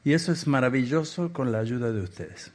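A man from Argentina, preaching a sermon in short phrases and pausing for an interpreter. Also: mid-range voice, darkish tone. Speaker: guest preacher.

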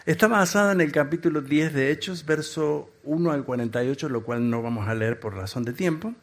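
Argentine preacher speaking in short bursts. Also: male voice, on the high side. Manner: speaking in short phrases with pauses for an interpreter. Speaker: guest preacher. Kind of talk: sermon.

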